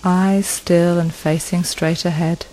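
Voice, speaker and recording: A woman guides a progressive muscle relaxation session. Her voice sits low and mellow, and she speaks very slowly and soothingly, letting long pauses fall between phrases. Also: flat delivery, rough recording.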